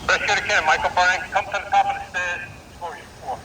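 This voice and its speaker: A man's voice: high-pitched, flat delivery, fast talker. A man speaking in clipped, procedural fire department radio traffic over a two-way radio. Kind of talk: terse emergency radio dispatch traffic. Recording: very noisy fireground radio scanner audio.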